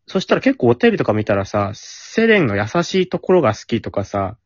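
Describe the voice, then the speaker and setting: Male podcast host, animated, teasing letter-reader, dry lo-fi sound. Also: medium pitch, fairly quick, no room sound. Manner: teasing, reads letters aloud with playful emphasis. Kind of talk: casual chat.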